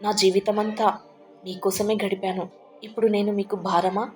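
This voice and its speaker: A woman's voice: medium pitch, little pitch movement, normal speed, faint music behind, natural voice. Woman voicing a trembling, grieving old father. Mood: pleading. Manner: tearful, trembling, pleading. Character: grieving old widowed father, frail and pleading.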